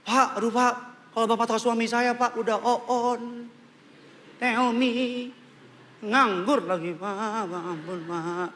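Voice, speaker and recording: A woman's voice: a little high, steady tone, slow, fairly bright tone, a little hiss or hum. A man voicing an exasperated wife who pleads and complains about her jobless husband. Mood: pleading.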